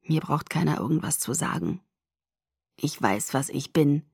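A woman voicing a brooding, pained young man who pushes a friend away, speaking low and subdued, almost murmured. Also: lively intonation, unhurried, gravelly, husky, no room sound, clean studio sound, heavily acted. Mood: hard, flat.

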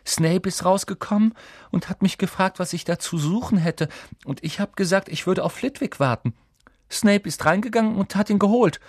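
A man reading aloud, voicing an earnest, anxious schoolgirl who talks in a high, urgent way. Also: moderate pace, no echo, studio quality. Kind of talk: audiobook character voice.

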